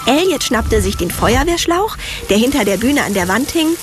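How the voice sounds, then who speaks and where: A woman's voice: on the high side, sing-song, normal speed, over music. An actress voicing a teenage girl who narrates her own story in a wry, dry tone in a cartoon dub. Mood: narrating.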